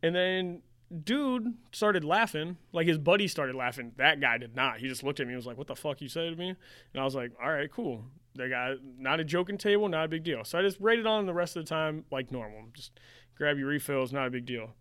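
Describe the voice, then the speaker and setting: A man's voice: fairly high pitch, fairly quick, fairly bright tone, smooth, no echo, studio quality. A young man hosting a podcast, telling a casual story with a rambling manner and many fillers. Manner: rambling, heavy use of "like". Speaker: podcast host.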